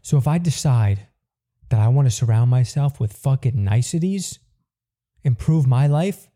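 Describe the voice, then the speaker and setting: Male podcast host, very dark and mellow tone, exasperated and sweary, indignant comedic ranting. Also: mid-range voice, expressive, normal speed. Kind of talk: solo comedic podcast rant.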